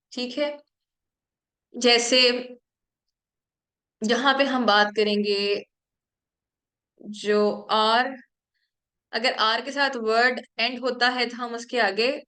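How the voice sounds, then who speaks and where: Woman with a Pakistani accent, grammar lecturer, bright voice pitched a little high, explains step by step. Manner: explains step by step, mixing English terms, often asks "ठीक है?". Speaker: teacher.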